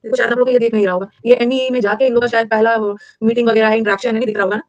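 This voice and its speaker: A fairly high-pitched woman with an Indian accent talks rapid-fire in a level tone while teaching vocabulary online for exam prep. She's chatty, asks the class questions, repeats key words and mixes English with Hindi. The recording is dry and lo-fi.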